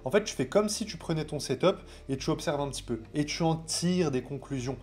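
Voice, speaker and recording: A French man speaks straight to his viewers as a trading coach, his voice sitting a little high for a man. He talks casually and with energy, addressing them like pals and dropping conspiratorial asides. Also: animated, a little fast, a little mellow. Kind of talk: casual direct-to-camera advice.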